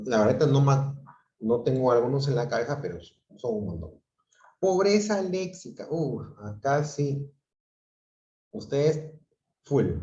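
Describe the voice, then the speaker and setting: A man's voice: medium pitch, a little mellow. A man teaching an online class, explaining patiently and often checking in with his students. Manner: explanatory, asks the class frequent checking questions. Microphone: computer mic on a video call. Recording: dull, roomy video-call audio.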